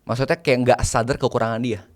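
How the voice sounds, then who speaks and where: A man's voice: mid-range voice, level tone, quick pace. A man, a private banker, chatting casually as an interview guest, mixing in English phrases and laying out numbered tips.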